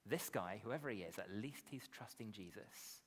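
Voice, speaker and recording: A man's voice: fairly low pitch, animated, normal speed, fairly bright tone. A British man in his thirties, a pastor giving a conversational sermon at a lectern, often turning statements into questions. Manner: conversational, frequent tag questions. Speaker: pastor, preacher. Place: indoor hall, at a lectern. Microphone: lectern gooseneck microphones. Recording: echoey hall reverb.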